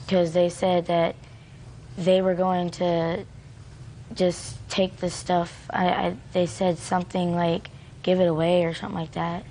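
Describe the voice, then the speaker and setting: A woman's voice: on the low side, mellow, a little hiss or hum. A young American woman recounting events hesitantly as a witness in a TV court.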